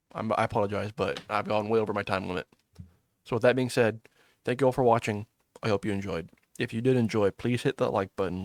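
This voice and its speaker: A man casually commentating a video game, making sarcastic jokes and swearing at the characters. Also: lowish voice. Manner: wisecracking, swears a lot, mocks the game characters. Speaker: gaming YouTuber. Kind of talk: casual let's play commentary. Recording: voice over game audio and music.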